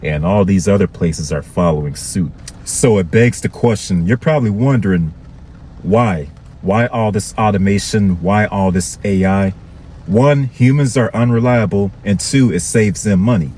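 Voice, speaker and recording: Deep-voiced man ranting to viewers. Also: normal speed, a little mellow, slight background noise. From Florida. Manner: conversational, repetitive, addresses viewers with "okay". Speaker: vlogger. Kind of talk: casual commentary to viewers.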